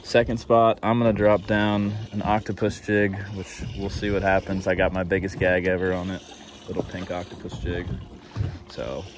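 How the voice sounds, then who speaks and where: A man in his thirties hosting a fishing vlog from a boat offshore, energetic and laughing often, recorded on an action camera. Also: low voice, normal speed. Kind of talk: excited outdoor vlog talk. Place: open boat offshore, outdoors. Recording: outdoor boat noise.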